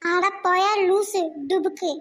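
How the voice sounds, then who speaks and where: A very high-pitched cheeky little girl. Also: flat delivery, takes it slowly, a bit bright, faint music behind, full character voice. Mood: bratty. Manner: bratty, teasing, name-calling. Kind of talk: cartoon voice acting.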